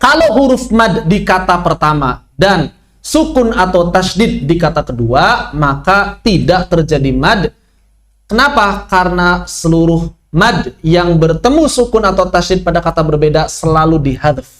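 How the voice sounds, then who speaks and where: A man's voice: high-pitched, expressive, a little slow, a bit bright. A man teaching Quran recitation rules in an online lesson, asking questions and answering them himself.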